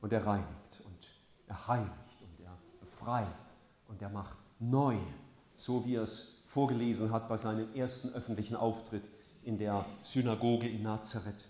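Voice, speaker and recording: An older man preaching a sermon with passion, his delivery swinging from soft and intimate to loud and urgent. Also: fairly low pitch, fairly even intonation, normal speed. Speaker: pastor. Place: church hall. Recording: echoey church hall.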